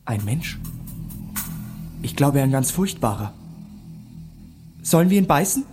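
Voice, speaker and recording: A man's voice: medium pitch, very animated, takes it slowly, music in the background, pitched above the performer's own voice. A man voicing an easygoing male dog in a storybook, grumbling plainly.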